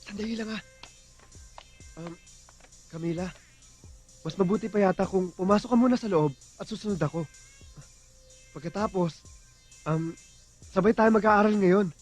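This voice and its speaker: A man's voice: high-pitched, normal speed, pauses often, a little mellow, breathy edge, soft background music. An actor playing an easygoing young male student who chats casually with his schoolmates in a film. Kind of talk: film drama acting.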